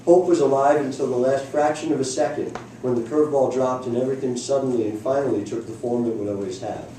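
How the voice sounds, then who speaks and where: At a public library book reading, a man reads a prepared essay aloud to an audience in an indoor room. His mid-range voice is steady and mellow, and he reads fast. The distant mic picks up an echoey room and faint noise.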